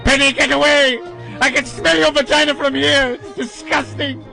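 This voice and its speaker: Hammy, high-pitched, prissy older villain. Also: male voice, little pitch movement, moderate pace, gravelly, bright, forceful tone, faint music behind, full character voice. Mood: hysterical disgust. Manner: hammy stage-actor delivery, shrieking and overwrought. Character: prissy, hysterical, lecherous older male villain, a TV doctor.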